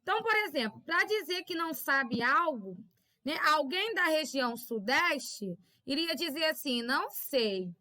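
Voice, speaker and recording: Carioca woman teaching kids on video, high voice, keeps asking "right?". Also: animated, moderate pace, sharp tone. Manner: patient, keeps checking in with tag questions. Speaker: primary school teacher. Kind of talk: recorded remote lesson for children.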